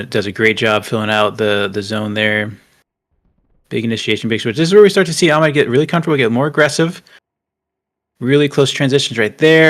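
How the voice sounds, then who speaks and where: Excitable male drift commentator. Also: mid-range voice. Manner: excitable, chatty, laughs easily. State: out of breath.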